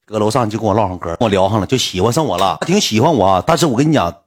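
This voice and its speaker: A man's voice: on the low side, lively intonation, rapid-fire, a little hiss or hum. A man with a Northeastern Chinese accent, telling a comic story to his livestream audience in a chatty, conversational way.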